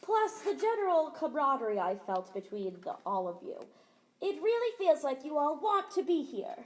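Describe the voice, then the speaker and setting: A woman playing a lively corporate inspector. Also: high voice, normal speed, poor audio. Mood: formal. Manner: formal, lively, speechmaking. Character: brisk female corporate store inspector. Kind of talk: student stage play.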